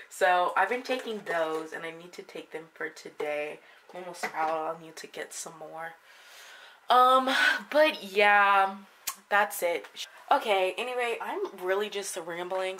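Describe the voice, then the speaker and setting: A young woman rambling excitedly in a casual vlog, talking to her handheld camera. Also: lowish voice, rough recording. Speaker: vlogger. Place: bedroom, then a parked car.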